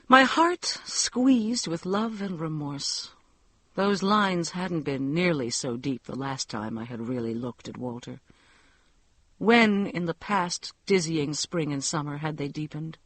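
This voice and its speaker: High-voiced male audiobook narrator. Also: fairly bright tone, dry recording. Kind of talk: first-person novel narration.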